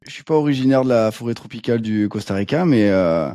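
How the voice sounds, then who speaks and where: A man co-hosting who asks a question hesitantly, with many pauses. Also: medium pitch, animated, warm tone, no room sound, clean studio sound. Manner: hesitant, full of pauses and fillers. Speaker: co-host asking questions. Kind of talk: casual questioning.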